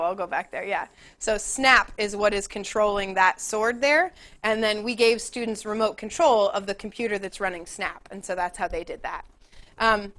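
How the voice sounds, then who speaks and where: A woman's voice: on the high side, fairly bright tone. A young adult woman hosting a live online class in an upbeat, chatty way, laughing often. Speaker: webinar host and educator.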